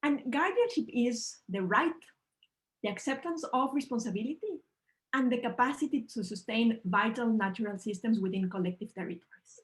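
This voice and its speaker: A woman from Ecuador, her voice on the high side, speaks as a panelist in an online presentation. She is earnest and measured, and her phrasing is slightly non-native. It's a low-quality recording captured over a video call.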